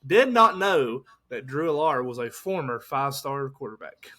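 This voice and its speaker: A man's voice: medium pitch, very animated, normal speed, bright, forceful tone. A young man, co-hosting a casual sports podcast in a laid-back, joking way. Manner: laid-back, jokey, drawls out names. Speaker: podcast co-host.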